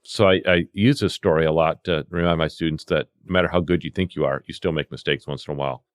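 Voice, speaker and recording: A paramedic and CPR instructor tells field stories in animated conversation, acting out the exchanges with quoted dialogue. His voice is a rumbling low, steady in tone and fast, captured on a dry, clean studio recording.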